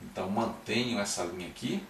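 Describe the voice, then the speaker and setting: A man's voice: fairly low pitch, brisk, slight background noise. A man teaching a math lesson step by step, often checking in with his students as he works. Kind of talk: recorded classroom-style lecture. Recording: echoey room, mic at a distance.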